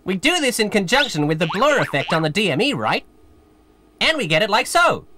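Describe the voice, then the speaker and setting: An actress playing an eager, cheeky young apprentice in scripted promotional dialogue. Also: female voice, mid-range voice, sing-song, a little fast, noisy background, natural voice. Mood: chirpy. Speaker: apprentice character in a promo video.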